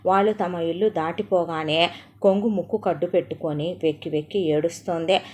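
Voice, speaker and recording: Low-voiced woman reading a story. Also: fairly even intonation, a little fast, darkish tone. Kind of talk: reading a short story aloud.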